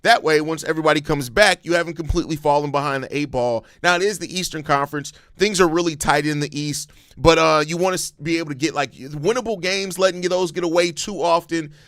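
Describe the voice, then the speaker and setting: A man's voice: a little high, brisk, hardly any pauses, fairly bright tone, dry recording, studio quality. An American man giving casual sports commentary as a host, informal and emphatic, repeating points to drive them home.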